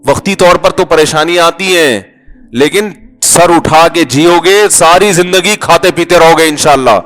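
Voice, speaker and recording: Man preaching a sermon, somewhat high voice. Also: fairly bright tone. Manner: conversational, joking, full of rhetorical questions; acts out little dialogues. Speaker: Islamic scholar and preacher.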